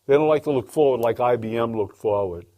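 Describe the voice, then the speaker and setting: A man's voice: mid-range voice, fast talker, mellow. A man hosting a call-in business radio show, talking emphatically and piling up repeated phrases. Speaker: radio talk show host.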